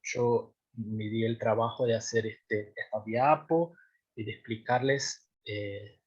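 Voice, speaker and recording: A young man, a Portuguese-native PhD researcher, explains his work at a seminar in a lowish, steady, husky voice, taking it slowly, with the highs cut off. He is hesitant, restarting and using many fillers, and often makes sure he's understood.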